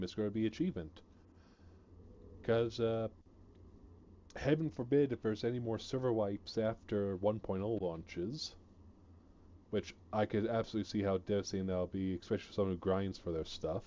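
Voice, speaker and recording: A man's voice: fairly low pitch, moderate pace, long pauses, a little mellow, lo-fi sound. A man chatting casually on a gaming stream, rambling and hesitant, full of fillers, sounding a bit sleepy. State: sleepy, yawning.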